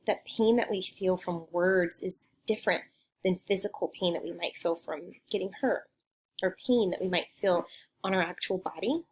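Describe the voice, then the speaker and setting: Gentle, encouraging woman counselor. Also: medium pitch, a little hiss or hum. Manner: gentle, encouraging, acts out children's quotes. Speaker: school counselor. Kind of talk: teaching a lesson to young students.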